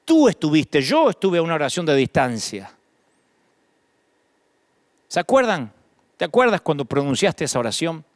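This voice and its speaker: A man's voice: a little high, big pitch swings, normal speed, pauses often, no echo, studio quality. A middle-aged man with an Argentine accent, preaching a sermon as pastor, building repeated lists with rising emphasis. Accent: Argentine Spanish.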